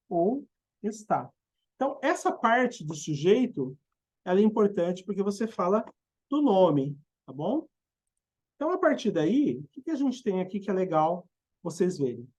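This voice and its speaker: Slow, mellow Brazilian woman teaching English. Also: medium pitch, sing-song, breathy edge. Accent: Brazilian Portuguese. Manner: patient, explanatory, frequent tag questions. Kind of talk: online grammar lesson.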